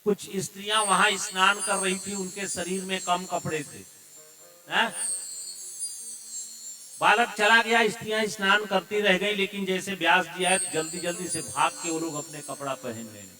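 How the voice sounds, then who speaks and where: A man's voice: high-pitched, steady tone, normal speed, sharp tone, soft background music. A man telling a scripture story as a devotional preacher, dramatic and drawn out, breaking into chanted Sanskrit verses and asking the audience rhetorical questions. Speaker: katha storyteller.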